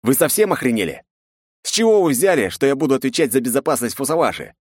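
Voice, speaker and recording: A man voicing an angry young male hero who shouts down a hostile crowd with sarcasm. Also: medium pitch, sing-song, quick pace, breathy edge, no echo, clean studio sound, voice pushed up. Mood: furious.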